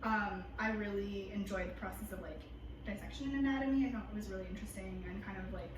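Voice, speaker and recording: A woman in her twenties hosting a casual chat with friends, bubbly and quick to laugh, talking with lots of fillers. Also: mid-range voice, fairly even intonation. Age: 20s. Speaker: host. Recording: echoey room, mic far off, noisy.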